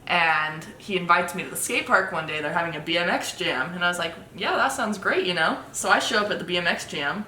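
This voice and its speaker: A young woman telling a story in a casual couple's chat, animated and laughing as she talks. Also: fast, hardly any pauses. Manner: animated, laughing, finishes partner's sentences. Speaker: vlogger. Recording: echoey room with faint rumble.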